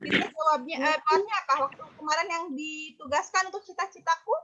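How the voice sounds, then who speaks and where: Woman teacher, very high and bright voice, coaxing and repetitive, audio breaking up on a dull, choppy video call line. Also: fast, slight background noise. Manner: coaxing, repeats questions to pupils. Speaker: primary school teacher.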